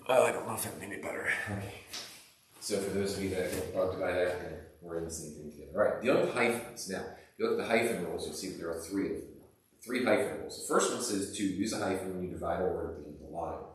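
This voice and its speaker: Male teacher, low voice, loose chatty explaining, booming classroom echo. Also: fast talker, a little hiss or hum. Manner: casual, rambling explanation with many fillers. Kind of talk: recorded classroom lesson. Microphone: camera across the room. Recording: echoey room, distant camera mic.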